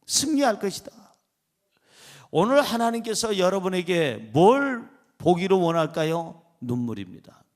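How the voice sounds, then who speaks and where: A man preaching a church sermon as pastor, asking the congregation questions and rising into loud emphasis. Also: high voice.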